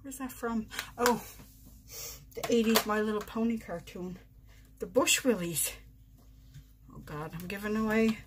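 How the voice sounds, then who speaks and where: Speaking at a measured pace with long pauses, a woman in her forties has a mid-range voice over a noisy background. She's a vlogger doing her makeup on camera in her bedroom, casual, self-mocking, and talking through every step.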